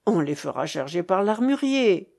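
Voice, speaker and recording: A woman voicing a sarcastic, theatrical gentleman who speaks with mock-tragic gravity. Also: medium pitch, sing-song, moderate pace, creaky.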